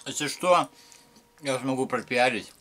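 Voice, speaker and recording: A man streaming a mukbang at home, talking while chewing, halting and mumbled, trailing off mid-phrase. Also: mid-range voice, bright, forceful tone. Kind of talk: casual chat while eating on stream. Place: home, indoors.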